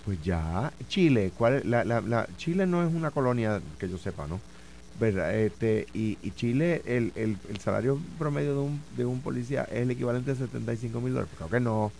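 A man's voice: mid-range voice, expressive, a little fast, vocal fry, darkish tone, slight background noise, rough recording. A man on a political talk show, arguing insistently and hammering the same point home. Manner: insistent and argumentative, repeats his point. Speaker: former governor and show co-host. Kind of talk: casual political debate.

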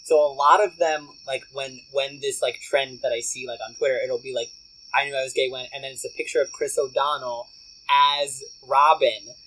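Animated rambling podcast co-host, male. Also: medium pitch, moderate pace, low-quality recording. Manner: emphatic, rambling with many fillers. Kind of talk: casual movie chat.

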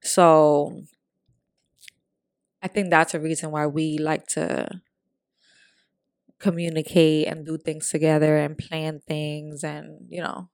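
Young woman, podcast co-host, from Puerto Rico and the Dominican Republic, candid and slangy, lowish voice, dry close sound. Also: little pitch movement, takes it slowly, pauses often, a little mellow, smooth, dry recording. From born in Puerto Rico, raised in the Dominican Republic. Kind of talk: casual chat.

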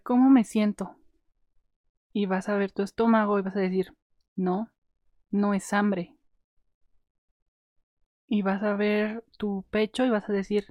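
A woman's voice: mid-range voice, dark tone, dry recording, studio quality. A young woman with a Mexican Spanish accent giving casual, candid advice to the camera, acting out her own inner voice. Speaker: vlogger.

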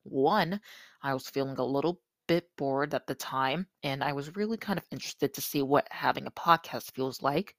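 An eighteen-year-old podcast host talking casually in a slightly crusty, somewhat monotone voice, recorded with earbuds used as a microphone. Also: mid-range voice, normal speed, no room sound, clean studio sound. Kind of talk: casual solo podcast talk.

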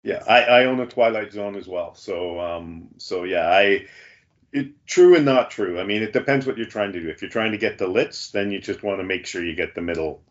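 A man's voice: fairly low pitch, normal speed. A man hosting a podcast, chatting casually with lots of restarts and fillers. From Canada. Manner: rambling, many restarts and fillers. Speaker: podcast host. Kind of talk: casual chat. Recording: dull lo-fi sound.

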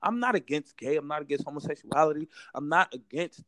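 A man's voice: fairly high pitch, expressive, a little fast, fairly bright tone, no echo. A young American man in a heated casual debate, emphatic and repetitive, full of slang and constantly saying bro.

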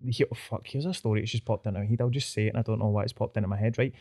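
Man, Glasgow street accent, mellow tone, casual podcast guest, slangy, sweary, anecdotal. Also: on the low side, fairly even intonation, racing. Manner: slangy, sweary, peppered with "mate". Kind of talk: casual chat, personal anecdotes.

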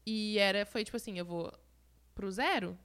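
A woman's voice: mid-range voice, moderate pace. A woman in her thirties with a southern Brazilian gaúcho accent, a guest telling her story in a casual chat. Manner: animated storytelling, acts out voices in her story. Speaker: guest, influencer.

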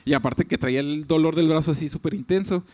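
A young man with a Mexican accent, casually telling a personal story with lively asides and quoted voices. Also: on the high side, fast. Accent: Mexican Spanish. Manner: animated, chatty, fillers, laughs, quotes others.

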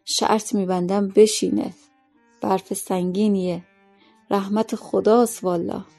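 A woman voicing a sly, respected man who speaks quietly and knowingly, in a story reading. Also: medium pitch, level tone, gravelly, faint music behind. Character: sly, respected middle-aged man, smug.

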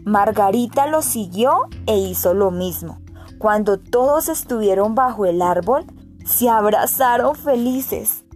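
A woman narrating a storybook with even, clear delivery, faint music behind her. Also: medium pitch, unhurried. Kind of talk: storybook reading.

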